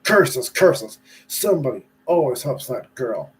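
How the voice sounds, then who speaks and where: A man's voice: medium pitch, animated, normal speed, warm tone, a little hiss or hum, natural voice. A wicked witch from a storybook, put on by a man reading aloud. She sounds theatrical and scheming, relishing every threat. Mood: gloating. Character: wicked gloating witch woman.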